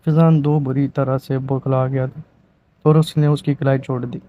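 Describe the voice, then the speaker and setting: A man narrating a romance novel aloud in a steady storytelling manner. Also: mid-range voice, highs cut off.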